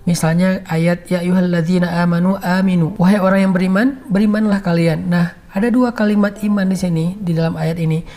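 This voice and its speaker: Laid-back guy preaching like he's chatting, soft mellow voice, slips into arabic verses, a little music under it. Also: high-pitched, fairly quick, few pauses. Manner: relaxed and conversational, mixing in slang and quoted Arabic verses. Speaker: Islamic preacher. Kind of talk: casual religious talk. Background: faint background music.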